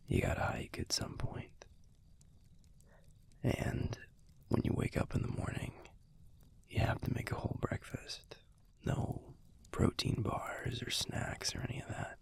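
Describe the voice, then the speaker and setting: In an intimate audio roleplay, a man voices a gruff but tender young werewolf boyfriend, speaking softly to the listener with an American accent. It's a full character voice: a breathy, husky, gravelly low murmur, laid-back and halting, with casual swearing. The mood is fond and nostalgic.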